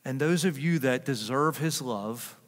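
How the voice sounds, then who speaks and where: A man's voice: mid-range voice, measured pace. Older male pastor preaching in reverberant hall. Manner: conversational, joking with the congregation, builds to loud emphatic peaks. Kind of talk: sermon. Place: church sanctuary.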